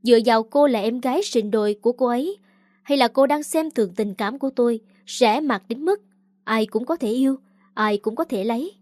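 A scornful young man speaks in a cutting, contemptuous way, as a woman narrator reads him out. The voice sits a little high and sounds close and dry, with no room around it. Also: fairly quick, darkish tone, no echo, natural voice.

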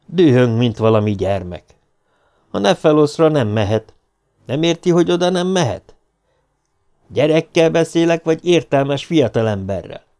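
A man's voice: a little high, lively intonation, pauses often, warm tone. A man reading an audiobook, voicing a cool, calculating conspirator who lectures with slight irritation.

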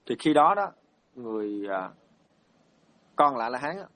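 Male monk, halting dharma storyteller, middle-pitched. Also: big pitch swings, a bit bright, dry recording. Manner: hesitant, many fillers and repeated words. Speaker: Buddhist monk.

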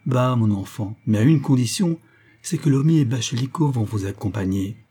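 Man doing a gentle middle-aged dad in an audiobook, soft questions, dark voice. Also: mid-range voice, animated, normal speed, husky.

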